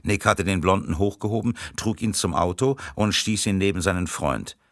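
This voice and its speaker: A man reading a thriller audiobook in a steady, measured narration. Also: sits low, dry recording, clean studio sound.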